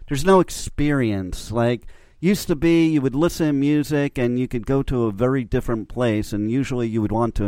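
American man, radio host, informal enthusiastic chat, medium pitch, smooth clear voice. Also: darkish tone, no room sound. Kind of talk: casual interview chat.

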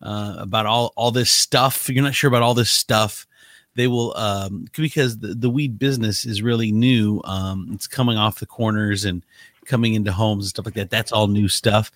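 A man's voice: on the low side, steady tone, moderate pace, fairly bright tone, dry recording, clean studio sound. A man hosting a casual podcast, rambling loosely through banter and an ad read. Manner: loose, rambling, laughs a lot. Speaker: podcast host. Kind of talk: casual chat and host-read ad.

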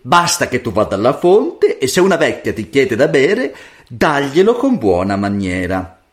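A man voicing a greedy, domineering mother in a read-aloud fairy tale, shrill and scolding. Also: big pitch swings, moderate pace, close to an everyday voice. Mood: coaxing. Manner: shrill, shouting, then fawning.

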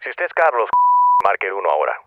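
A man's voice: deep voice, very animated, fast. A man speaking as an automated phone poll, formal and instructing. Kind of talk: recorded phone menu prompts. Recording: muffled phone line with loud noise.

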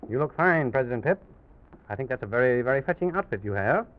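This old-time children's radio host is a fast talker with an animated, medium-pitched voice, telling a story in simple phrases for little ones. The recording is muffled, noisy and clicky.

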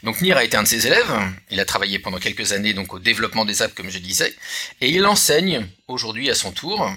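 A man's voice: on the low side, very animated, fast, bright, forceful tone, slightly rough. A man hosting a casual podcast chat, hesitant, with many filler sounds and restarts. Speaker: podcast host.

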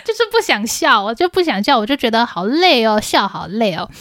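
A young woman with a Taiwanese Mandarin accent speaks at a fairly high pitch, brisk and without echo. As co-host of a casual chat podcast, she tells stories animatedly, acting out the dialogue and laughing often.

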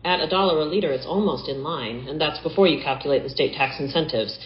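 An actress playing an eager, persuasive clean-tech business pitcher in a TV drama, heard through a roomy, dull soundtrack. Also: female voice, fast talker, a little hiss or hum, natural voice.

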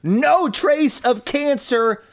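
A man hosting a comedic podcast, telling a story in an animated, incredulous, joking way and reading out chat comments. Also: extremely high pitch, extremely slow. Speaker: podcast host.

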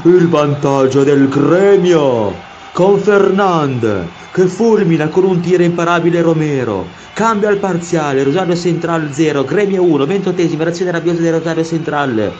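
A man commentating a football match in breathless goal-call style, shouting players' names and goals in repeated bursts, stretching key words and then rattling off match details. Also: a little high, moderate pace. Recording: dull lo-fi audio with faint noise.

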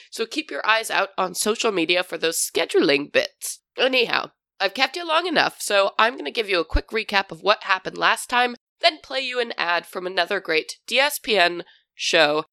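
Bright, chatty woman hosting a podcast. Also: medium pitch, vocal fry, dry recording, clean studio sound. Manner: chatty, informal. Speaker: podcast host and game master. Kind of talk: informal scripted podcast announcements and hosting.

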